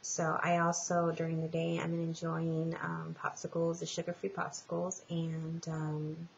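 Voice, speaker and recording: A woman giving a casual personal update in a halting, rambling way with trailing pauses, like a home vlogger. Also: low-pitched, monotone, gravelly. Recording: muffled, lo-fi home recording with hiss.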